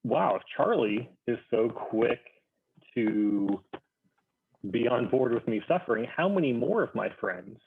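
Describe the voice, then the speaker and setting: A man telling a casual, self-deprecating story among friends in a halting, wry manner. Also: medium pitch, expressive, gravelly, a little hiss or hum. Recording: thin phone-like call, muffled.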